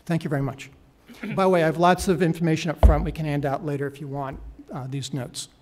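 A man's voice: on the high side, fairly even intonation, fast talker, a little mellow. A middle-aged man presenting a government home program on a policy panel, enthusiastic and persuasive, speaking into a table mic in a wood-paneled hearing room. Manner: enthusiastic, persuasive, gestures while talking. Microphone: table mic on stand.

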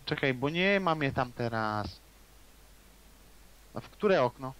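Slow-talking man with animated, swinging pitch. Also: clear, resonant tone, poor audio. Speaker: video game player. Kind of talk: casual gaming chat.

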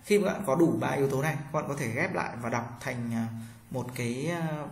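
A man teaching a pronunciation lesson, drawing out model syllables slowly for learners to repeat. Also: medium pitch, roomy sound.

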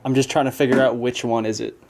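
A man exploring an abandoned speedway building, giving quiet, offhand commentary. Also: medium pitch, fast talker, creaky, noisy background. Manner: quiet, flat, offhand remarks. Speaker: urban explorer filming a walkthrough.

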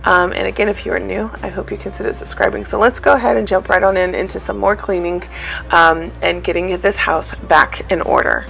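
A woman's voice: mid-range voice, brisk, gravelly, fairly bright tone, soft background music. A woman talking casually in a voice-over for her cleaning vlog, rambling with many fillers. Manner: chatty, rambling with many ums. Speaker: cleaning vlogger.

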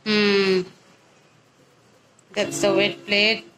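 A woman's voice: medium pitch, completely flat delivery, extremely slow, fairly bright tone, a little hiss or hum, low-quality recording. A woman filming a casual home unboxing vlog indoors on a phone, hesitant and searching for words. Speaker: vlogger filming the assembly. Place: indoor living room at home.

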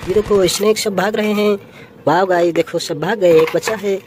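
A woman's voice: mid-range voice, steady tone, moderate pace, darkish tone, a little hiss or hum. A woman narrating a toy play video for children, exclaiming and sing-song, full of "wow" and "oh no".

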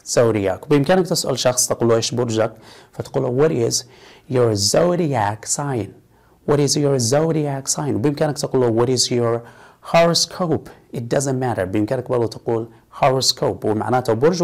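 A man teaching English vocabulary in Arabic, saying each English word slowly several times in a row and explaining in quick, relaxed conversational Arabic. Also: mid-range voice, gravelly. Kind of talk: vocabulary lesson in Arabic with English drill words.

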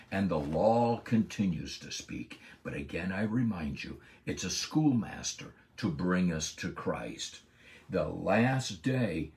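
A man giving a Bible lesson as a sermon, preaching emphatically and slowing down hard on key words. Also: low-pitched, a little mellow. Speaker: Bible teacher. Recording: voice a bit far from the mic.

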